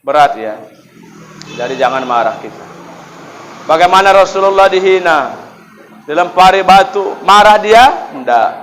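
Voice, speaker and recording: Guy giving a mosque sermon, kinda high voice, lively storyteller, faint noise behind. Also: measured pace, long pauses, rough recording. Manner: lively storytelling with rhetorical questions to the congregation; acts out quoted dialogue in shifting voices. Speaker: Islamic preacher. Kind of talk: sermon at a mosque fast-breaking gathering.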